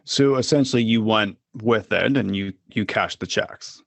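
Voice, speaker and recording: A man's voice: fairly low pitch, moderate pace, creaky, a bit bright, no echo. A man hosting an interview podcast, recapping his guest's story back to him. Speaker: podcast host.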